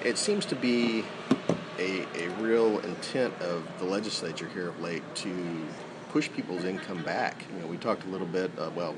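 A man's voice: deep voice, very noisy. A man with an American accent co-hosting a radio panel, giving conversational commentary and rephrasing as he goes.

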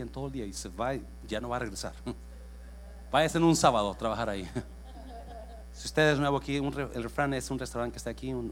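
A male pastor, preaching a bilingual sermon that swings from shouting to hushed whispers and slips into English phrases. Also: medium pitch, a little hiss or hum.

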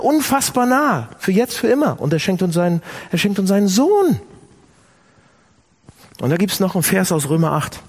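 A man preaching a sermon, speaking directly to his listeners with lively emphasis. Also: a little high, slightly rough. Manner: animated, addresses listeners directly.

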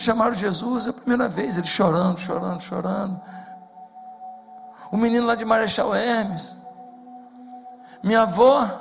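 Fervent high-voiced carioca pastor. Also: male voice, vocal fry. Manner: fervent, swelling to shouted climaxes. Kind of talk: sermon. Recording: echoey hall with faint music.

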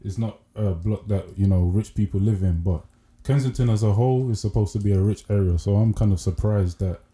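A man with a south London accent talks casually as a guest, feeling his way through his points. His voice is on the low side and very dark and mellow. The sound is echoey, as in a bare room. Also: a little fast. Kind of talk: casual chat.

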